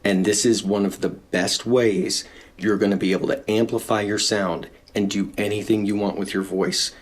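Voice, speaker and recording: Lower-pitched male vocal coach, instructive lesson delivery with demo gasps. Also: steady tone, normal speed. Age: adult with young daughter. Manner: instructive, demonstrates breathing with audible gasps. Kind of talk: singing lesson explanation.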